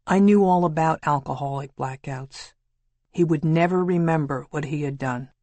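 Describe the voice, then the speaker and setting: Measured woman narrating a memoir. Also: deep voice, dark tone, no room sound. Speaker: audiobook narrator.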